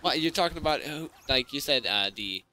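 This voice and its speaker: A man's voice: on the high side, expressive, a little fast, pushed and bright. A young man giving casual, laid-back and teasing color commentary on a live esports stream. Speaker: esports co-caster.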